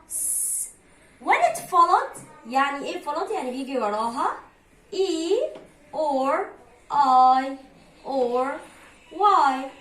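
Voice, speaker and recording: A young woman with an Egyptian accent giving a phonics lesson for children, repeating each sound and word slowly and mixing two languages like a patient teacher. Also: high-pitched, a bit bright, far from the mic. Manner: slow, drawn-out teacherly repetition, mixing languages. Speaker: English teacher. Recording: echoey room with faint background noise.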